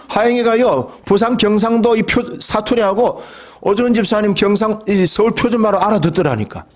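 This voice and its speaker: A middle-aged man preaching a Sunday sermon as pastor, dropping to quiet asides and rising to emphatic calls, often asking the congregation questions. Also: moderate pace. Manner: swings between low quiet asides and raised emphatic calls.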